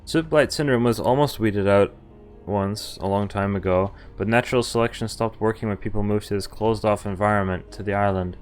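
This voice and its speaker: A man streams a visual novel, reading its text aloud and breaking off for casual asides and reactions between lines. His voice is lowish and smooth, he talks fairly quickly, and faint music plays behind him.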